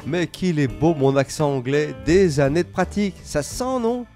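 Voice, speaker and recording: A man's voice-over for a travel video, relaxed and reflective, with dry asides to the viewer. His pitch is slightly raised and moves in a lively way, and his tone is warm and mellow. Faint music plays behind him. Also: moderate pace. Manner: relaxed, reflective and wry, addresses the viewer directly. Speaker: motorcycle vlogger. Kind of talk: voice-over narration.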